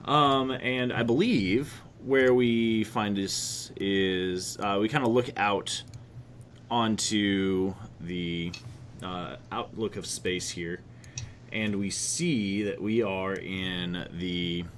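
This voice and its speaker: Low-voiced rambling man running a game. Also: drawn-out words, slight background noise. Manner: rambling, hesitant with many fillers. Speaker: game master. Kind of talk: narrating a tabletop game.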